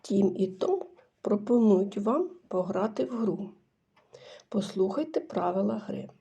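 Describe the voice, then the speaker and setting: A woman's voice: mid-range voice, creaky, mellow, slightly rough. A woman teaching young children a phonics lesson, patiently asking questions, answering them herself and praising the class. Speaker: kindergarten teacher.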